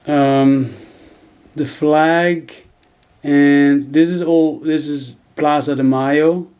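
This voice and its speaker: A man in his thirties from the Netherlands, working as a video editing tutor, narrates a screen-recorded tutorial in a dark voice on the high side. He talks his way through an edit, thinking out loud with plenty of fillers and restarts.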